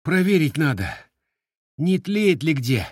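A stern, weary young monster hunter, played by a male narrator who scolds and explains in a firm, raised voice. The speech is animated, and the dry recording has no room sound. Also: on the high side, slow, no room sound, voice pushed up, heavily acted.

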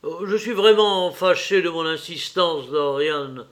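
A worldly, cynical aristocrat, read aloud by a man, speaking with a languid, ironic drawl. His voice sits a little high for a man and unhurried, every line savored. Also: fairly bright tone. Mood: teasing. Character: witty worldly English aristocrat, urbane cynic. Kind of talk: audiobook character reading.

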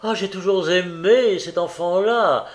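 A man reading an audiobook, voicing a fawning, pompous middle-aged parish beadle who gushes and stammers in a high, slowed voice. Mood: gushing. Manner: gushing, stammering, sentimental.

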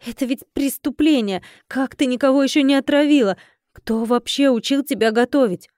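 A woman voicing a sharp-tongued young heroine in an audiobook, raised and emphatic. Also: sits high, normal speed, dry recording, studio quality, voice pushed up, close to an everyday voice. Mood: indignant.

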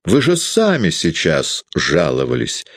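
A man's voice: deep voice, wildly swooping pitch, unhurried, dry recording, clean studio sound, full character voice. A man doing a spiteful sullen schoolteacher. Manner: needling, malicious, prying. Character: sullen spiteful middle-aged male schoolteacher.

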